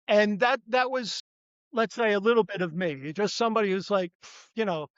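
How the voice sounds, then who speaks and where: A man's voice: sits high, normal speed, dry recording, highs cut off. An older man, a retired police detective, talking as an interview guest in a rambling, self-correcting way. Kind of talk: conversational interview.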